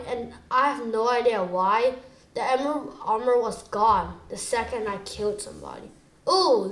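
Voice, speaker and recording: A woman with a fairly high voice talks through her gameplay at an unhurried pace. She chats casually, switching between low mutters and sudden excited outbursts. The voice sits in a roomy, echoey space. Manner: chatty, excitable, wavers between muttering and exclaiming. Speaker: gamer. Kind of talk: gameplay commentary.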